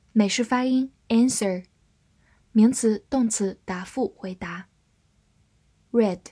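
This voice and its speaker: Slow breathy woman teaching English words. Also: mid-range voice, dark tone. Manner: slow, careful spelling and model readings. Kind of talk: scripted vocabulary lesson.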